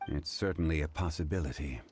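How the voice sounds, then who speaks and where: Zhongli, a deep, calm, dignified elder. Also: male voice, a little hiss or hum. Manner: composed, measured, formal. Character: calm, ancient, dignified man. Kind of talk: game voice acting. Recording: game soundtrack behind.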